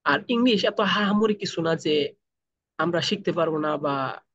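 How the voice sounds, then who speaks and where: A man leads an online training class, asking his students questions and then answering them himself. He slows right down for deliberate English phrases. His voice comes through dull, dry call audio. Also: a little high, a bit bright, no echo. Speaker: freelancing trainer. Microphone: video call.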